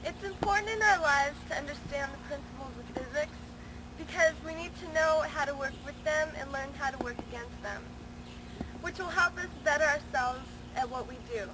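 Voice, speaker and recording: A woman with a high-pitched voice narrates a scripted explainer. Her delivery is formal and recited. The sound is homemade camcorder audio, with clear noise around the voice. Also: moderate pace. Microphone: camcorder microphone. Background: ambient noise.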